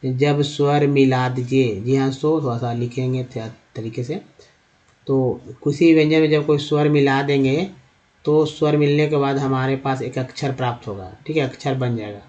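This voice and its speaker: In a spoken lesson at a board, this man's darkish, mid-range voice guides viewers through reading English words. Treating them as friends, he asks himself about every vowel sound and then patiently answers.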